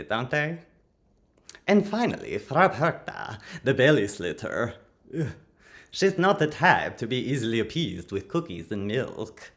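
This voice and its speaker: A man's voice: medium pitch, fairly bright tone. A man hosting a livestream in a campy, dramatic way, calling his audience darlings and stretching out his flourishes. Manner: playfully commanding, addresses the audience as darlings. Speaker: livestream host. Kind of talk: theatrical livestream chat.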